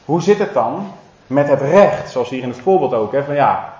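A man's voice: medium pitch, lively intonation, normal speed, darkish tone. A man preaching a sermon, often asking his listeners direct questions and restarting his sentences. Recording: roomy, slightly dull recording.

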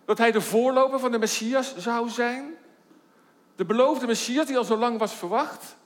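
High-voiced preacher in a reverberant church. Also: male voice. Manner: measured Bible exposition with rhetorical questions. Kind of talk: sermon. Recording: long reverb of a church hall.

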